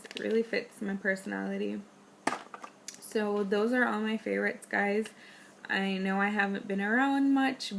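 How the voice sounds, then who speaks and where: A young woman chatting casually about her favorite beauty products, gushing and filling pauses with ums and likes, her voice going hoarse. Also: medium pitch, slight background noise. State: losing her voice. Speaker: beauty vlogger.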